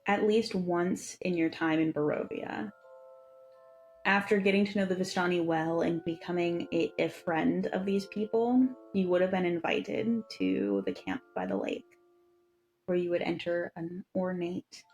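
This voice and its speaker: Low-voiced woman narrating as dungeon master. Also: a little mellow, faint music behind. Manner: descriptive, unhurried scene-setting. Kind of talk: narrating a tabletop game.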